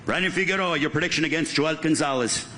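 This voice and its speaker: A bright, forceful man works a live event as a fight promoter and host. His voice sits fairly high, and he punches out names and titles like a polished announcer over a faintly noisy background. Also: fast. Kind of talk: fight promoter hosting a boxing press conference.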